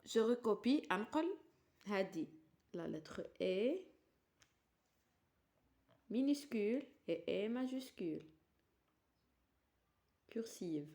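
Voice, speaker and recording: An Algerian-accented woman leads a primary-school French lesson at a deliberately slow pace. Her pitch sits in an ordinary middle range. She names each word and letter with care, pausing between them so that children can follow. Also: animated, dark tone. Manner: slow, clearly spelled-out words, switching to Algerian Arabic to translate. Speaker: teacher.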